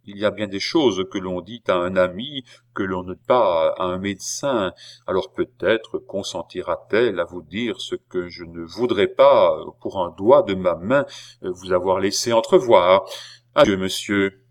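Man doing a grave doctor, solemn, measured, lowish voice, audiobook. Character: grave, stern middle-aged doctor. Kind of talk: audiobook reading.

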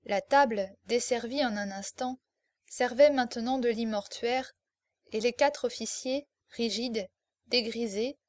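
Woman audiobook narrator, measured and dramatic, fairly high voice, dry close sound. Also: no echo. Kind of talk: audiobook reading of classic fiction.

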